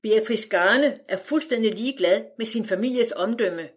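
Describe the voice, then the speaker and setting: A woman voicing a calm, stern father from the 1910s who speaks in a measured, dismissive way as she reads a storybook aloud. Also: fairly high pitch, breathy edge.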